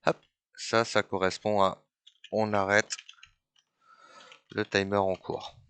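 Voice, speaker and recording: A man giving a screen-recorded coding tutorial, thinking aloud in halting steps as he works. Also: on the low side, level tone, a bit bright, clean tone. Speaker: software trainer.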